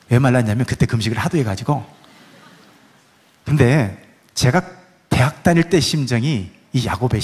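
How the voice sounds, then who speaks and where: A man's voice: on the high side, darkish tone. A man preaching a sermon as a pastor, pressing the congregation with emphatic rhetorical questions.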